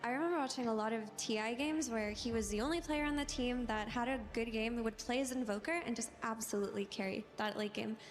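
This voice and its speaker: A woman's voice: fairly high pitch, fast talker, few pauses, faint music behind. A woman working as an esports panel analyst, giving analytical commentary on strategy.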